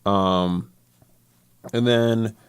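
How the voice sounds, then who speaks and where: A young man with a very deep voice, recorded dry and close. He talks through the matches move by move in casual podcast chat, filling pauses with um and yeah. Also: steady tone, clear, resonant tone, no room sound. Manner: gives opinions and calls moves in order, with many ums and yeahs. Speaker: podcast co-host.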